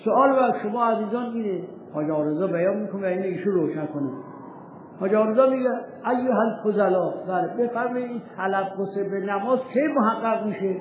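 A man teaching religious law in a seminary lecture, firing rhetorical questions at his students and reading old texts slowly. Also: sits high, slight background noise. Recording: tinny echoey hall recording.

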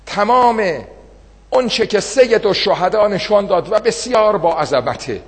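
A man delivers an impassioned sermon in a fairly high voice. His delivery moves between loud outbursts and hushed, low passages. The sound carries a long reverb from a large hall. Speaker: preacher.

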